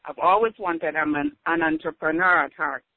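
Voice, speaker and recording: A woman's voice: low-pitched, moderate pace, no room sound. An older woman from Cameroon with a Cameroonian accent, explaining her background steadily as a guest on a phone interview. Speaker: guest author. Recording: phone-like narrow line.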